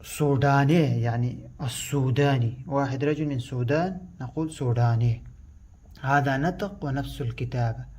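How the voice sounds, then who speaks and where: A man whose first language is Pashto, teaching a language lesson and repeating each word slowly and loudly before he explains it. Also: medium pitch. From Afghanistan.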